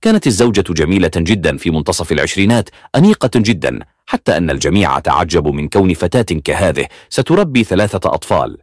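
Brief: brisk male storyteller, animated and very low, dry sound. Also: no room sound. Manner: brisk, lively narration of a true story. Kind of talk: scripted story narration.

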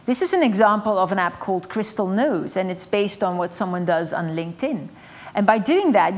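A middle-aged woman delivering a conference keynote on a studio stage, explaining with energy and the odd "um". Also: medium pitch. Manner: energetic, gesturing, explanatory with light fillers. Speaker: keynote speaker. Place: stage in a dark studio with large screens.

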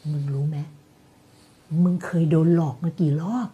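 A woman voicing a sinister female inner demon that taunts with doubts in a low, slow, quiet voice. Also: steady tone, husky, highs cut off, lightly acted. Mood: hushed menace.

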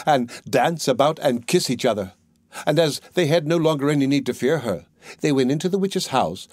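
A man reads a fairy tale aloud at a mid pitch, measured and even. His voice sits close and dry, with no room echo. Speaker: audiobook narrator. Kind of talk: scripted storybook narration.

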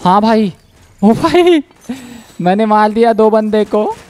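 A man giving playful, jokey gameplay commentary as a gaming channel host, with sudden bursts of yelling. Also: sits high, little pitch movement, moderate pace, a little hiss or hum.

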